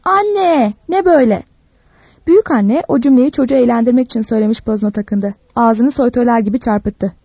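A woman narrating a story in a calm, measured reading. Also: a little high, no room sound.

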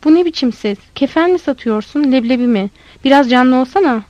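A woman voicing a bossy, streetwise boy vendor who scolds loudly and insistently. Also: high voice, expressive, a little fast, no room sound, muffled recording. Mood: teasing.

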